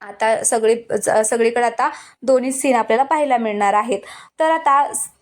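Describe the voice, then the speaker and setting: A woman's voice: a little high, normal speed. Chatty woman recapping a TV serial. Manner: chatty, addresses viewers directly, frequent asides. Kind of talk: casual storytelling recap.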